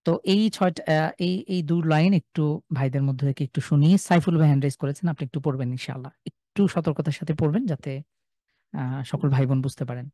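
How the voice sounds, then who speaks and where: A man's voice: fairly high pitch, brisk, dark tone, no echo, studio quality. A man with a Sylheti Bengali accent teaching a live online class, patiently drawing out and repeating each sound for his students. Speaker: Quran recitation teacher.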